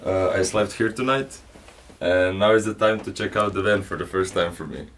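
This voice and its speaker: A man's voice: deep voice, moderate pace, a little hiss or hum. A young man chatting casually and joking inside a car during a road trip. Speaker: mountain biker on a road trip. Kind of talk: casual chat. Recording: distant mic under loud music.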